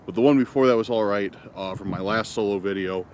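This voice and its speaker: A man's voice: on the low side, fast talker, a little mellow, a little hiss or hum. A man out in the cold at night, vlogging to a handheld camera in a rambling, easygoing way. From Illinois. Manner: rambling, easygoing, self-correcting. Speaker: vlogger exploring outdoors. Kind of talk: casual chat to camera.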